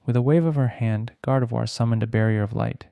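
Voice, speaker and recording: A man narrating a bedtime fantasy story in a measured way with dramatic pauses. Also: medium pitch, vocal fry, mellow, smooth, dry recording.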